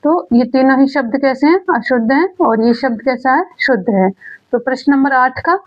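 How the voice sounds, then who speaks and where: Female teacher, high voice, exam-prep lesson; poses then answers her own questions, muffled lo-fi audio. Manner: repeats key words slowly. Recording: dull lo-fi sound.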